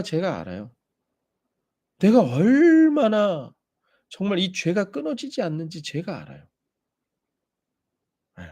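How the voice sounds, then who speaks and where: A male pastor preaching a conversational sermon, asking the congregation questions and acting out scenes. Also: high-pitched.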